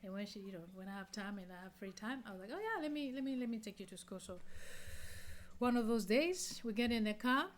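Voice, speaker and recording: A woman's voice: mid-range voice, lively intonation, fast, a little hiss or hum. A middle-aged woman from Tanzania, hosting her own podcast and telling a story in a casual, chatty way with many fillers and restarts. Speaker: podcast host.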